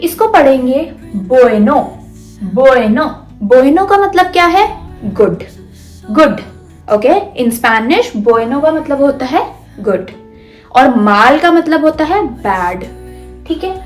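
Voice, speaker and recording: Slow high-voiced woman teaching Spanish. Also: animated. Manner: slow, repeats words for learners to copy. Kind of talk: beginner language lesson. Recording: roomy sound with soft background music.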